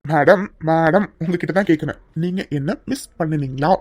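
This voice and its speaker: A fiery, devoted young lover. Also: male voice, sits high, a little mellow, dry recording, clean studio sound. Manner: pleading and insistent, speaks fast. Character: devoted, protective young man, fiery in love. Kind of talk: cartoon dub dialogue.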